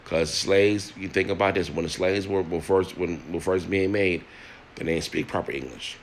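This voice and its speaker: Earnest deep-voiced man with restarts. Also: moderate pace, slight background noise. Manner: earnest, repeats words and restarts, addresses listeners as y'all. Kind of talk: personal monologue.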